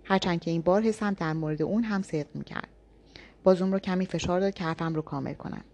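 A woman reading a novel aloud in the first person, with even, intimate storytelling. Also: fairly low pitch, dull audio. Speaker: audiobook narrator.

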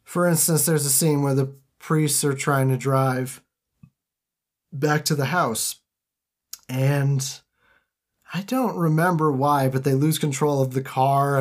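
A man's voice: mid-range voice, unhurried. Male podcast co-host, plain mid voice, offhand wry delivery, lots of "like". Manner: loose, wry, many "like" fillers. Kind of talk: casual film discussion.

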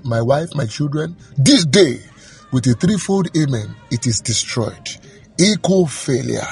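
A man's voice: medium pitch, a little mellow, husky. A man leading fervent prayer, declaring and commanding in rhythmic, repeated phrases. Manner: rhythmic repetition, commanding, emphatic.

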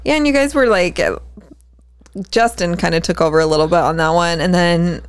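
A woman's voice: on the low side, fairly quick, clear, resonant tone, no echo. A woman hosting a podcast in a studio, chatting casually and candidly and swearing freely. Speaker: podcast host.

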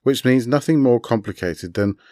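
A man's voice: mid-range voice, moderate pace, mellow, no room sound, voice pushed up, close to an everyday voice. A man reading a story, voicing a dry, matter-of-fact woman with a cutting edge.

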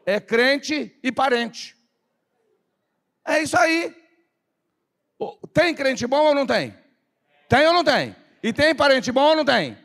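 A man preaching a lively sermon in church, firing rhetorical questions and calling for responses. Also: very high voice, takes it slowly, long pauses. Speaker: pastor. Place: church service.

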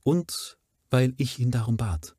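A man's voice: mid-range voice, animated, takes it slowly, mellow, breathy edge, no room sound, studio quality, voice pushed up. A man reading aloud, voicing a frightened woman, a servant's wife, who desperately confesses and takes the blame.

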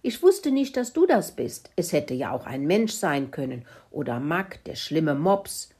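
A woman voicing a cheeky, cackling hen in a children's story, with a husky voice. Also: low voice, very animated, a little slow, mellow, full character voice.

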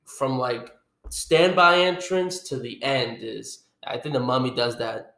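A laid-back young man chats casually, stumbling through restarts and leaning on "like". His voice sits at a middle pitch. The recording has a roomy echo. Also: gravelly. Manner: relaxed, halting, many restarts and "like". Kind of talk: casual chat.

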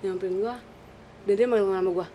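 A woman's voice: medium pitch, fairly even intonation, a little fast, warm tone. Young Jakarta slang woman, noisy recording. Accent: Jakarta-area Indonesian. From Indonesia, Cibinong area. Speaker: storyteller in a group chat. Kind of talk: animated casual ghost storytelling. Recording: clearly noisy room ambience.

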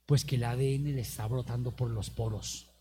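A man preaching an energetic sermon, acting out quotes and calling on the congregation to respond. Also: medium pitch, normal speed, husky. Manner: animated preaching with acted-out quotes and calls to the congregation. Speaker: youth pastor.

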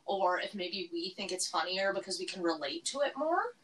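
A woman's voice: on the low side, big pitch swings, normal speed, a bit bright. A young woman from Alberta, Canada co-hosting a podcast in casual chat, often hunting for the right word. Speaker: podcast co-host. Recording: slightly distant mic with faint room noise.

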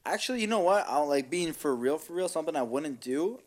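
A man's voice: on the high side, expressive, a little fast, darkish tone. A young man co-hosting a podcast, talking in casual, slangy, profane banter. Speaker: podcast co-host. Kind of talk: casual chat.

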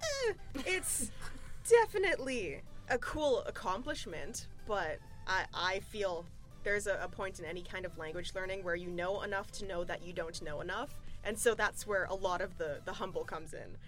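A woman's voice: medium pitch, expressive, normal speed, faint music behind. A young woman, talking as a podcast guest in a bubbly, self-deprecating way with a Valley-girl-like lilt. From Canada. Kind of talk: casual interview talk.

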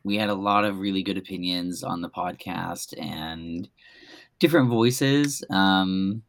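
A woman's voice: extremely low pitch, unhurried, no room sound. A woman co-hosting a podcast, chatting casually in an easygoing, agreeable way. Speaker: podcast co-host. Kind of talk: casual chat.

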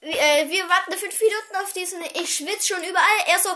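A teenage girl chatting casually and telling a rambling, animated story as a vlogger. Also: very high-pitched, fairly quick.

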